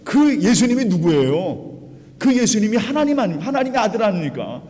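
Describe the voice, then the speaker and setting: A man's voice: high voice, very animated, normal speed, warm tone, long reverb tail. A male pastor preaching a sermon in a church, emphatic and putting rhetorical questions to the congregation. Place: church sanctuary.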